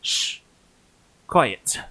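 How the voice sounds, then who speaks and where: A man voicing a nervous, paranoid Japanese author locked in a prison cell, with a British accent and shrill outbursts. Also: drawn-out words, sharp tone, slight background noise, poor audio. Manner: jittery, suspicious, bursts into shrill outcries.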